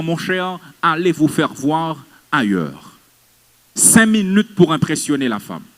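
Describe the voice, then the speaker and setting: A man lectures a class on speaking in public. His voice sits high and moves around a lot, stressing each point and turning to the audience with questions. A long reverb from a large hall follows every phrase. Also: fairly bright tone.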